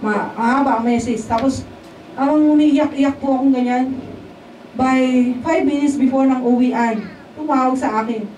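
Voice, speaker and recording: High-voiced woman testifying in an echoey hall. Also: steady tone, a little slow, a little mellow. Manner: keeps checking in with the congregation. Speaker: lay church speaker giving testimony. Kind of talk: testimony sermon in a casual, conversational way. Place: church hall at a worship service. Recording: echoey hall, voice picked up from a distance, faint background noise.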